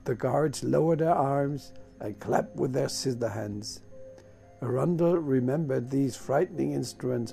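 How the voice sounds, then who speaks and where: A man reads a storybook chapter aloud at a slow, deliberate pace. His voice is dark and gravelly, with soft music playing faintly behind him. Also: medium pitch. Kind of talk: storybook narration.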